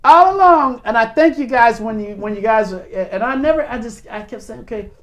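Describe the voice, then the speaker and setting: A woman's voice: on the high side, fairly quick. A woman co-hosting a casual teaching chat, blunt and emphatic, speaking plainly. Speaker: co-host teaching.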